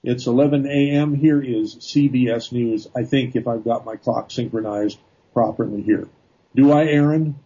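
An American man casually hosting a live radio call-in show in a hesitant, halting way. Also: mid-range voice, warm tone, husky, dull audio.

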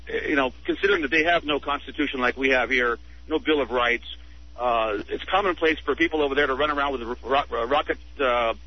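A heated caller on a talk radio show argues with indignation. He is a man with a slightly high voice. It is heard through a dull, lo-fi radio broadcast. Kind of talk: call-in radio debate.

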